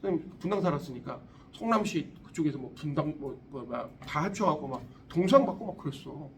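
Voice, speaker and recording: Swearing animated male science tutor. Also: a little high, a little fast. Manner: blunt, swears often, animated and teasing. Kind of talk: classroom lecture to high school students. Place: classroom. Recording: classroom recorded from a distance, faint room noise.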